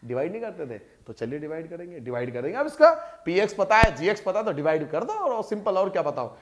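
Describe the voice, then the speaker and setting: A man with a fairly high voice walks students through a maths problem on the board. He talks in a lively, coaxing way, firing off questions and answering them himself as he works through each step. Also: fast talker. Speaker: maths teacher. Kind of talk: board lesson.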